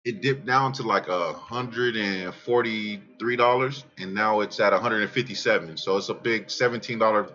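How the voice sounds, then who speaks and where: A man casually talking through his trading charts in a brash, profane, excitable way, often trailing off mid-sentence and restarting. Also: on the low side, normal speed, few pauses, highs cut off. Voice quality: calls his own voice aggressive. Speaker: crypto trading vlogger. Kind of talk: casual rambling chart commentary.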